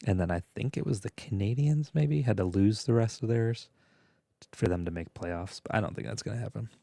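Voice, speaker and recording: A middle-aged man with a low, gravelly voice chats loosely as a dad co-hosting a sports podcast. He is playful and easygoing, tossing in asides and fillers. The sound is close and dry. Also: brisk, mellow, no room sound. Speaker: podcast co-host and father. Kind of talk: casual chat.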